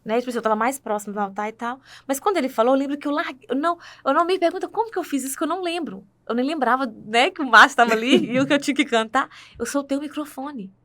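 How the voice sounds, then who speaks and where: A woman's voice: high voice, racing, few pauses, bright, forceful tone. A woman with a Brazilian Portuguese accent telling her faith testimony in conversation, earnest and full of tag questions.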